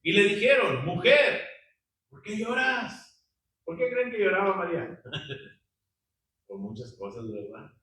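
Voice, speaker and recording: Man, Bible study teacher, bright tense voice, higher pitch, far from mic, echoey room. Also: big pitch swings, slow pace, long pauses. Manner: conversational, asks the group questions, frequent tag questions. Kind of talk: Bible study teaching, reading scripture aloud.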